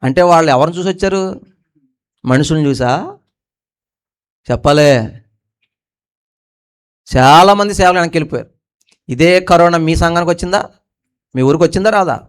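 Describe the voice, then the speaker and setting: A male pastor delivers a sermon in a high, smooth, resonant voice. He keeps throwing questions at the congregation and drops from forceful emphatic lines to quiet, low asides. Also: moderate pace, pauses often. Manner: preaching with call-and-response questions to the congregation.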